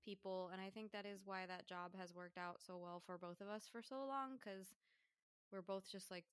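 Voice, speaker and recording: A woman's voice: mid-range voice, steady tone, moderate pace, clear, resonant tone, no echo, studio quality. A woman co-hosting a casual podcast, telling a story in an earnest, heartfelt way with lots of fillers. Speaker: podcast co-host.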